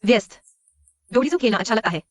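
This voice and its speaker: A woman's voice: on the high side, lively intonation, quick pace, dry recording, lightly acted. A woman voicing a wronged, defiant young woman. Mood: accusing. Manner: angry, accusing. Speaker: dubbed drama actress.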